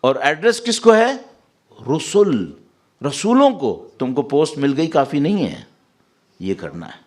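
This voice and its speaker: A man's voice: on the high side, big pitch swings, darkish tone. A male preacher giving a Muharram sermon in a large hall, reciting verses and putting questions to the listeners. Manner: mixes English words into Urdu speech. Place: large mosque hall with a congregation.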